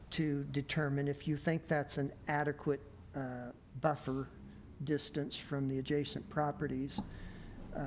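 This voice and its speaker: In a council meeting room, a man with a slightly high voice and a darkish tone delivers a staff report to a city planning meeting, over a little hiss or hum. He's hesitant and full of fillers, and his voice sounds a bit worn because he's losing it.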